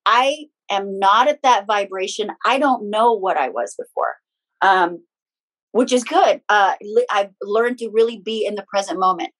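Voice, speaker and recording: A chatty, frank middle-aged woman from the Philippines speaks at medium pitch with a measured pace and a slightly bright tone. She's a podcast guest, spiritual teacher and author, telling casual personal stories sprinkled with small laughs.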